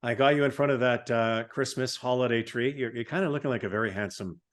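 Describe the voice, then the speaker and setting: A man hosting a podcast interview, teasing his guest and tossing out quick questions. His voice sits at an ordinary middle pitch, and his manner stays light and jokey throughout. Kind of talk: casual interview chat.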